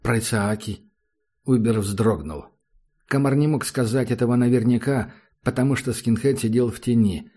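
A man narrating an audiobook in a measured, ominous reading style. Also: medium pitch, dark tone. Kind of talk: scripted narration.

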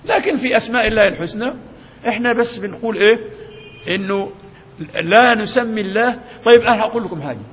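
A man's voice: high-pitched, lively intonation, fast talker, long pauses, fairly bright tone. A man with a Cairene Egyptian accent teaching a theology text as a sheikh. He keeps asking rhetorical questions and mixes classical Arabic with colloquial speech. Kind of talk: classroom lecture. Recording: echoey hall with humming noise.

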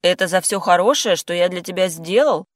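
A reader voicing a calm male friend who teases and talks matter-of-factly. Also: high voice, a little fast, no room sound, clean studio sound, voice pushed up, lightly acted. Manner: teasing, matter-of-fact. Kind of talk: audiobook character voice.

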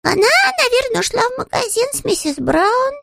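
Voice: extremely high pitch, very animated, a little fast, vocal fry, fairly bright tone, no room sound, clean studio sound, voice pushed up, exaggerated voice. A reader voicing a small, polite young male bear who sounds eager and innocent, in an audiobook. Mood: earnest. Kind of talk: audiobook character voice.

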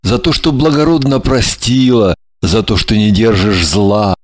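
A man voicing a devoted, dignified man who speaks earnestly and in a measured way. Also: lowish voice, no echo.

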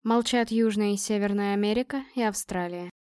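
A woman's voice: mid-range voice, brisk, a little mellow, no echo, natural voice. A woman narrator voicing a stern female leader who reads out a report in a dry, businesslike manner.

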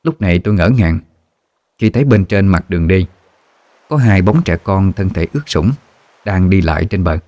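Deep male storyteller, measured ghost-story read, dry booth sound. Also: warm tone, no room sound. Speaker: narrator.

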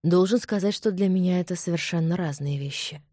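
A woman reading the part of a suave young Scottish gentleman who speaks softly and calmly. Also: a little fast, no echo, clean studio sound, close to an everyday voice. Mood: velvety, calm. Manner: soft, low, velvety and calm.

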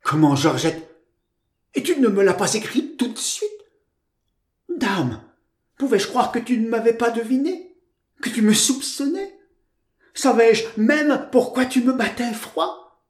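Storybook role: man doing a weepy, wide-eyed young woman, high and pleading. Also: huge pitch swings, a little slow, reverberant, exaggerated voice. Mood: excited. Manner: pleading, rising high exclamations. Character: tearful, naive young woman, wounded friend.

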